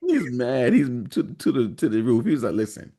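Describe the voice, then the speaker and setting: A man co-hosting a casual movie podcast, retelling scenes with lively energy and jumping into high voices for the characters. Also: normal speed. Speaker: podcast co-host.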